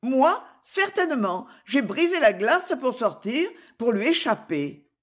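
A woman's voice: a little high, big pitch swings, measured pace, voice pushed up. A woman reading a novel aloud, voicing a flustered young girl who pleads in breathless exclamations, in a raised voice. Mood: pleading. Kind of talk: audiobook character reading.

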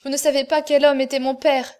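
A woman reading an audiobook, voicing a distraught noble mother who pleads through sobs in a raised, louder voice. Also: high-pitched, flat delivery, brisk, pitched above the performer's own voice, close to an everyday voice. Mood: pleading. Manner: pleading, sobbing.

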